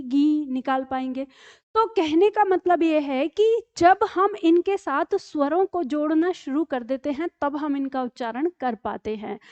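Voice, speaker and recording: A woman's voice: high-pitched, a little mellow, dry recording, muffled recording. A woman teacher giving an online grammar lesson, explaining step by step and often checking with her students. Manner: patient, explains step by step with frequent "ठीक है?" checks. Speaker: Hindi teacher.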